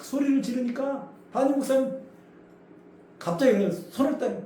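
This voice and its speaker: A man's voice: very high voice, moderate pace. A male pastor preaching a sermon, telling the story vividly, acting out voices and asking the congregation questions. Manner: animated storytelling, acts out voices. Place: church sanctuary. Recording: echoey church hall from far off, faint noise.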